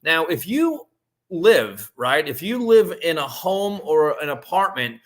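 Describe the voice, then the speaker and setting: On a live stream, a man in his fifties pitches an online business, very animated but taking it slowly. His talk is loose and rambling, full of restarts and repeated "right?" check-ins.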